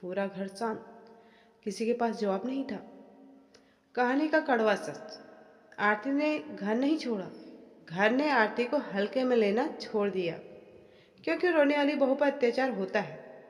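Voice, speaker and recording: A woman narrating a family story in a slow, dramatic scripted style. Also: fairly high pitch, expressive. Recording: echoey room with long reverb.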